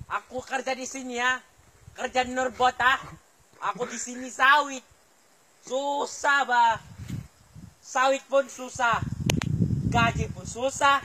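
Man, very high pitch, piercing bright tone, fed up and pleading, on the phone outdoors. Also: a little hiss or hum, rough recording. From Filipino Suluk. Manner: exasperated, complaining, pleading. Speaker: plantation worker on a phone call. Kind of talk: phone call. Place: outdoors, up a tree.

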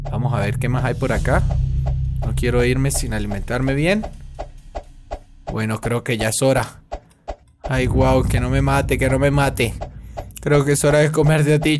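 Excitable male gamer commentating playfully. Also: medium pitch. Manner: excitable, chatters to game creatures as the hungry monster. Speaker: gaming channel host. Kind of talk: playful let's-play commentary. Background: game music.

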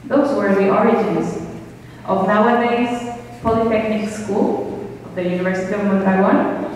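A woman in her thirties giving a keynote talk and answering questions, speaking slowly and searching for words, with a handheld microphone in a large meeting room. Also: mid-range voice, steady tone, a little mellow, a little hiss or hum. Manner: slow, hesitant, searching for words. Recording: echoey hall from far off.

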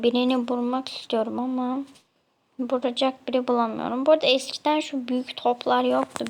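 Young woman gamer from Turkey, high voice with gravel, chatty commentary. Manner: chatty, talks to other players, mock-annoyed. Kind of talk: casual gameplay commentary.

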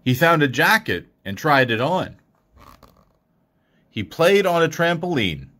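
A man reading a children's picture book aloud in an expressive storytelling manner. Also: on the high side, measured pace. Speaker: storybook reader.

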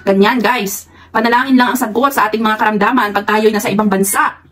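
A woman's voice: mid-range voice, steady tone, fairly quick, fairly bright tone. A woman with a Filipino accent, a worker abroad who chats casually to her viewers, laughing often and giving encouraging advice. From Philippines. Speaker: vlogger. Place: employer's home abroad.

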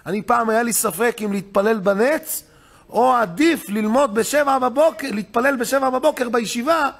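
A man, a rabbi giving a weekly Torah lesson, telling stories with big swings between loud excited emphasis and low hushed asides. He acts out the voices of the people in his stories. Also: creaky. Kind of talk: animated storytelling lesson.

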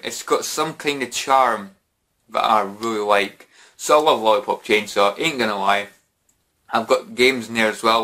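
Bright-voiced young British man, drunk and rambling. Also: lowish voice. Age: young adult. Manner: rambling, repetitive, frequent "you know". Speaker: vlogger. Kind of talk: casual chat to camera. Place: small bedroom at home.

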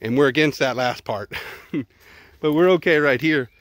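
A middle-aged vlogger with a Texan accent walks through the ruins of an outdoor zoo, filming on his handheld phone and narrating casually, thinking aloud and repeating words. His mid-range voice has a fairly bright tone at normal speed, with studio-quality sound and no echo.

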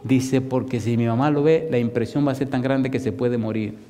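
A male pastor preaching a storytelling sermon, animatedly acting out the people he quotes. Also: brisk. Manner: animated, acts out quoted voices with rising pitch. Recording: long hall reverb.

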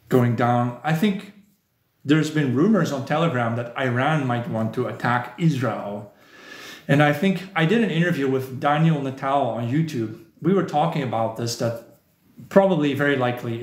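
A man talks loosely on his live stream, answering viewer comments in a rambling, opinionated way. His voice sits at an ordinary middle pitch. The room around him is echoey. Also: normal speed. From southern Netherlands. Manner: rambling, opinionated, many "you know" fillers.

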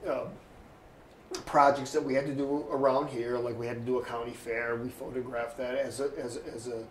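In an oral history interview, a photographer in his sixties rambles through his stories, imitating other people's voices. His voice is medium in pitch and a little mellow, recorded in an echoey room with faint ambient noise.

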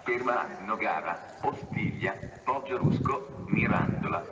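A man giving a formal train station announcement in segmented, automated-sounding phrases over platform loudspeakers. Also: fairly low pitch, lively intonation, measured pace, highs cut off. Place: outdoor railway platform, heard over loudspeakers. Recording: echoey station loudspeaker from far off, noisy. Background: clear station ambient noise.

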